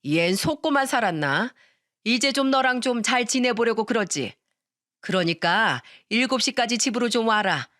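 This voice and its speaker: A woman's voice: fairly high pitch, lively intonation, normal speed, fairly bright tone, dry recording, studio quality. A woman voicing a pushy, scheming middle-aged mother-in-law in a narrated radio story, demanding and accusing. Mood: coaxing.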